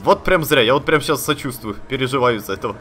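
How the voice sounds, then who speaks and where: A man giving chatty, excitable commentary while playing a video game, talking to the characters on screen and swearing casually. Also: mid-range voice, quick pace, soft background music. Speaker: let's play gamer. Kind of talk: live gameplay commentary.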